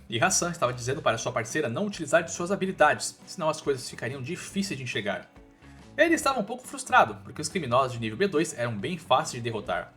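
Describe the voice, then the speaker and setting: A man with a Brazilian accent recaps a scripted story in a loose, colloquial way, tossing in casual asides. His voice sits on the high side, pushed and bright, with background music playing.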